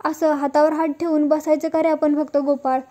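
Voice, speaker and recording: A woman's voice: high voice, little pitch movement, fairly quick, warm tone, lightly acted. A woman voicing a spirited, caring young woman in her own voice, coaxing and teasing her companions. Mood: determined.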